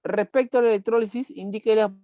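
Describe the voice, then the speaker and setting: A man's voice: high-pitched, fairly even intonation, fast talker, dark tone, dry recording. A man teaching a chemistry class online, repeating key points and asking students questions as he goes.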